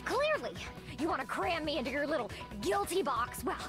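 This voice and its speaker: Celestia Ludenberg, shrill haughty cornered schemer. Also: female voice, lively intonation, fairly quick, over music. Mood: indignant. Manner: theatrical, contemptuous. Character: haughty young female schemer, cornered and viciously indignant. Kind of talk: anime game voice acting.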